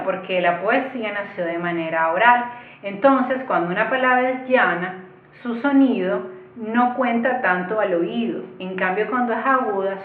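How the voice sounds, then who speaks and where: A woman's voice: medium pitch, a little hiss or hum. A woman teaching an online lesson, explaining step by step in a patient way and speaking directly to her viewers. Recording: echoey room, tinny phone-like sound.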